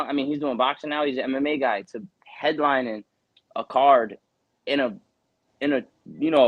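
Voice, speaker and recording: A man's voice: medium pitch, no room sound, dull audio. Earnest young man rambling about his path. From Connecticut, USA. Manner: earnest, rambling, many "you know" fillers. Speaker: boxer, interview guest. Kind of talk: casual interview talk.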